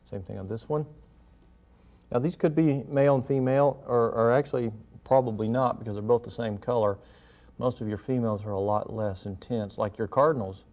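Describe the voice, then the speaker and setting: A man giving a gentle, folksy painting lesson, talking casually and step by step as he demonstrates. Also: mid-range voice, brisk. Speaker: painting instructor and show host.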